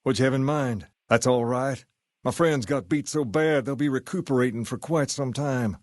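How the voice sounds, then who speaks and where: A man's voice: mid-range voice, a little mellow, dry recording, clean studio sound, lightly acted. The King, an actor as a folksy Southern gang boss. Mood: relaxed, folksy. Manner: folksy, self-assured, measured. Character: charismatic, folksy male gang boss styled on a rock-and-roll idol. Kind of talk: video game character dialogue.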